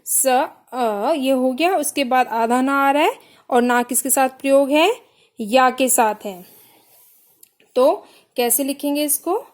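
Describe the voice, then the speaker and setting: A woman with a high voice teaches children a grammar lesson at an unhurried pace. She breaks each word down syllable by syllable with patience. She poses questions and then answers them herself. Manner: patient, slow, spelling out syllables one by one.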